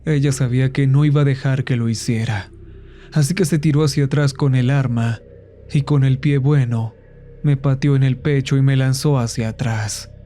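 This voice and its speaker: A man narrating a horror story in a slow, somber storytelling manner. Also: medium pitch, steady tone, mellow, a little hiss or hum.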